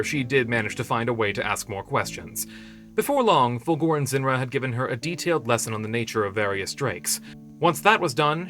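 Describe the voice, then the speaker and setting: A man narrating a fantasy story in steady, measured storytelling. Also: medium pitch. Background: soft background music.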